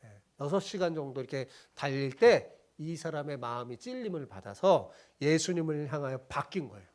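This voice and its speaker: A man's voice: on the high side, expressive, normal speed, a little mellow. A middle-aged man preaching a sermon as pastor, reading scripture with his congregation and acting out the mockers in blunt everyday speech. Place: church sanctuary.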